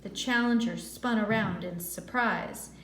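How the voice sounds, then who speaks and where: A woman of medium pitch performs a storybook reading like a classroom teacher, deliberate and full of expression. She draws words out for drama and inserts brief explanations, and the audio has a roomy echo.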